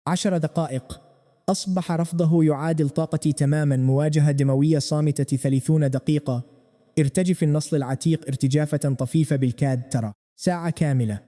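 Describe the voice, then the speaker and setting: Fast, dark-voiced male story narrator. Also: a little high, fairly even intonation. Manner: dramatic, rapid storytelling. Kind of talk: scripted narration of a comic recap.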